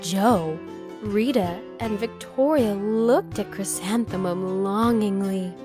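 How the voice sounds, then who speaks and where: A woman narrating a children's storybook aloud with deliberate, dramatic emphasis. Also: medium pitch, over music. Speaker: storybook reader.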